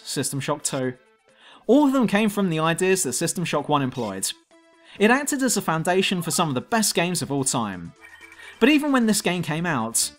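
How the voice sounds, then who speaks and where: A man hosts a scripted game review in a fairly high, lively voice. His delivery is blunt and sardonic, with faint music underneath. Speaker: video game reviewer, countdown host.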